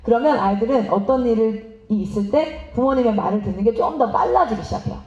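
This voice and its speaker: A woman missionary giving a lively seminar talk, asking the audience questions and acting out parents and children. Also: on the high side, fairly quick. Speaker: missionary speaking at a teachers' seminar. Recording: roomy, slightly dull hall recording.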